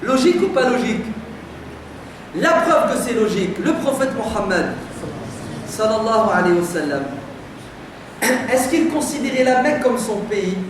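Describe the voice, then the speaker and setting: A man's voice: very high-pitched, big pitch swings, moderate pace, long pauses. A man from France giving a sermon to a live audience, firing emphatic rhetorical questions at the crowd in a conversational way. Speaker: preacher addressing a community audience. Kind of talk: lively lecture to a live audience. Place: community centre hall. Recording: very echoey hall, distant, noisy.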